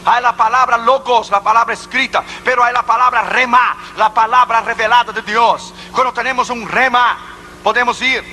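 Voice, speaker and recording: A man's voice: extremely high pitch, steady tone, moderate pace, bright, forceful tone, faint music behind. A man preaching a sermon as an evangelist, driving his points home with repeated rhetorical questions.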